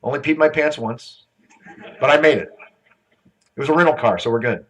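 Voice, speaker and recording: A man's voice: medium pitch, brisk, fairly bright tone, poor audio. A man emceeing a conference on stage, telling rambling jokes before introducing the next speaker. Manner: joking, rambling storyteller.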